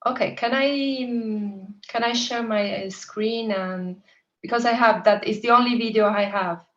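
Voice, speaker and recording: A woman's voice: fairly high pitch, unhurried, fairly bright tone, highs cut off. A woman moderating an online roundtable, speaking hesitantly and politely. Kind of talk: online meeting chat.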